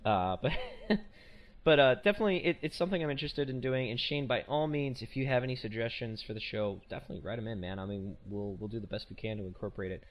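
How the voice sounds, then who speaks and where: A man's voice: mid-range voice, fast. A man hosting a casual podcast, rambling and self-correcting with a joking tone. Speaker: podcast host.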